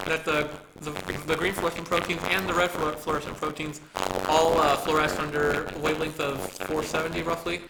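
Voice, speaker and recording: A man's voice: on the high side, pushed and bright, slight background noise. Young man with a slushy lisp. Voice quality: lisp from braces, slushy s sounds. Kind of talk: informal narrated research presentation. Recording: echoey room sound.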